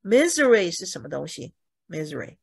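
A woman's voice: lowish voice, big pitch swings, normal speed, creaky, darkish tone, breathy edge. A woman teaching a bible English lesson in Mandarin, explaining each word and checking with her students. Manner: acts out examples dramatically.

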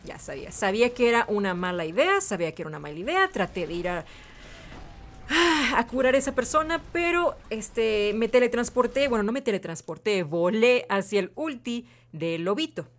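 A young woman hosting a gaming channel. She gives chatty, excitable let's-play commentary and drops English words in here and there. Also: fairly high pitch, moderate pace, slight background noise.

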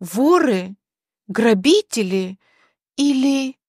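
A woman voicing a furious young wife who snaps sharp commands in a spoken story. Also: on the high side, animated, very slow, no echo, clean studio sound, exaggerated voice.

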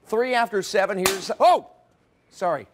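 A man's voice: high-pitched, measured pace, noisy background. An American man chatting unscripted as an anchor in a TV news studio.

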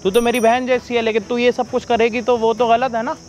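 A man playing a hot-tempered, high-voiced young bully. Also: level tone, fairly quick, faint music behind. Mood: lecturing. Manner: shouting, taunting, rough. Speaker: young man confronting a scammer. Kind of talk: staged confrontation skit.

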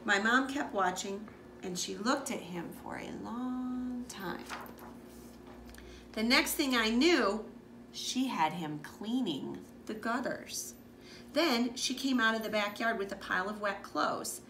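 A woman with a higher voice reads slowly from a children's picture book, expressive and pausing for asides to her audience, in the manner of a school librarian. She sits on a living-room couch indoors, in an echoey space with background noise.

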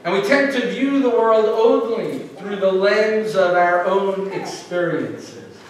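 Middle-aged male minister, light high voice, preaching earnestly with pauses; echoey hall, mic at a distance. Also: a little hiss or hum. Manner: earnest, conversational preaching with pauses and slow emphasis. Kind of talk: sermon. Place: church sanctuary.

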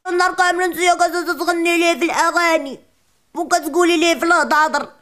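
A woman's voice: steady tone, fairly bright tone. Woman playing a sassy little girl. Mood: complaining. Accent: Moroccan Arabic. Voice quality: childish high voice, rapid rants. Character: chatty sassy little preschool girl, complaining. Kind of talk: comic monologue.

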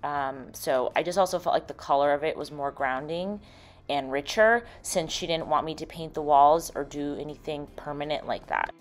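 A woman in her thirties with a slightly low voice narrates a home makeover vlog. She is chatty and explains each step in a casual, how-to way. Music plays behind her voice. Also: moderate pace. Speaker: host and room designer. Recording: background music under the voice.

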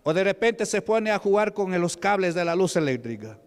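Man, Peruvian Spanish accent, deacon, sermon, high voice, resonant tone. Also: very animated. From Peru. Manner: asks the congregation questions, slows for scripture reading. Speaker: deacon preaching. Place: church hall. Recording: long church reverb.

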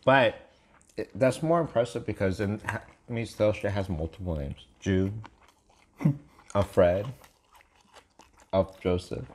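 A man's voice: on the low side, slow, long pauses. A man co-hosting a mukbang, chewing while he talks in a teasing, playful casual chat. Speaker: mukbang co-host.

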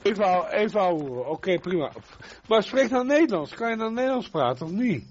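High-voiced Dutch man teasing over game voice chat. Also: very animated, brisk. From Netherlands. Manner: teasing, insistent, swearing, switching between English and Dutch. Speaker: squad leader in an online shooter game. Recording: dull lo-fi voice chat with faint noise.

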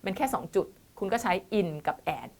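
A woman's voice: mid-range voice, very animated, normal speed, gravelly, darkish tone. A woman teaching an online English exam-prep lesson, mixing English terms into her explanations, patient and checking in often with her students. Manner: calls herself "teacher" and the students "child", mixes English terms into Thai. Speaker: IELTS tutor.

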